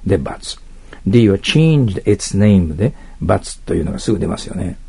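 A man teaching an exam prep lesson, reading English phrases slowly and then explaining them in quick, patient asides. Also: fairly low pitch, gravelly, dark tone, slightly rough.

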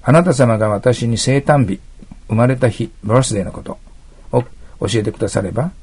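Gravelly male english teacher, dark husky voice, walks thru exam questions step by step. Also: mid-range voice, brisk. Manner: explains step by step, asks listeners to mark text. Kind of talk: exam prep lecture.

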